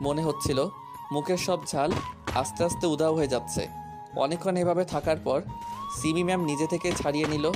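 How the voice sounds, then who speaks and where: A man's voice: on the high side, fairly even intonation, a little fast. A man narrating a first-person romantic story in a playful, cheeky way. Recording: loud background music.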